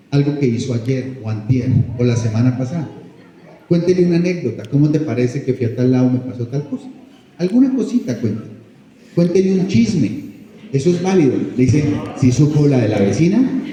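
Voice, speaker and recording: A man talks to parents at a school workshop, telling stories and asking them questions. His voice is very dark and mellow. It rings out in a big hall with a long, echoing reverb. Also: on the high side. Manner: warm storytelling, asks the audience questions. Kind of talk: informal parent workshop talk.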